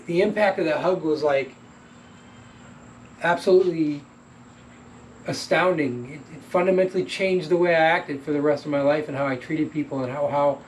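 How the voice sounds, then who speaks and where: A man's voice: a little high, recorded from a distance, a little hiss or hum, rough recording. A middle-aged man from Toledo, Ohio, telling a blunt, reflective personal story in a candid, earnest way.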